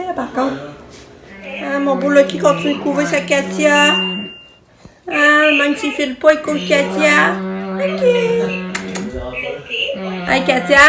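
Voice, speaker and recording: High-voiced Quebec French mom vlogging. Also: female voice. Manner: chatty, narrating her day and talking to her toddler. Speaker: mother vlogger. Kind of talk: casual home vlog. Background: background music.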